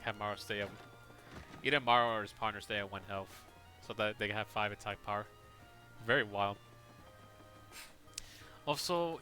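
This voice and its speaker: A man's voice: on the low side, bright, forceful tone. A man streaming a game, casually explaining its mechanics. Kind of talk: casual gameplay commentary.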